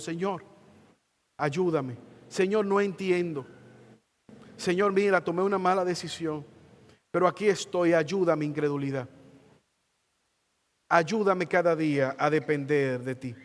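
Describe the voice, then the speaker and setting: A male pastor preaches in a slow, earnest way and leans hard on key words. His voice sits fairly high for a man. It carries a long reverb from the church hall. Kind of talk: sermon ending in prayer.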